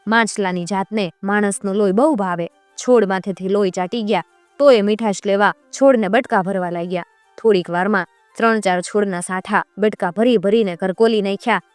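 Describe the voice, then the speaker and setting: A woman telling a folk tale in a measured, rhythmic way. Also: medium pitch, darkish tone, dry recording, soft background music. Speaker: storyteller.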